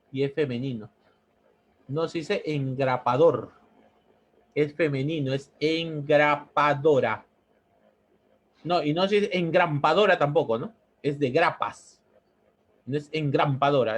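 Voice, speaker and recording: Male teacher, slightly high-pitched voice, explains step by step with repetition. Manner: explains step by step, repeating words and asking "¿no?". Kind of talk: classroom grammar lesson.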